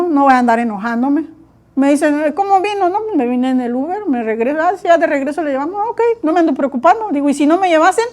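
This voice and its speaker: A woman preaching a sermon, lively, acting out her own inner voice, her eyes watering from allergies. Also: high voice. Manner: animated, acts out her own inner dialogue.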